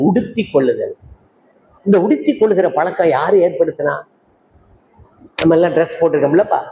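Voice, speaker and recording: High-voiced preacher in an echoey hall. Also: male voice, darkish tone, highs cut off. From Tamil Nadu, India. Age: older. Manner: rhetorical questions, calls out to listeners by name. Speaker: evangelist preacher. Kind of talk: sermon. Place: church meeting hall. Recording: echoey hall with faint noise.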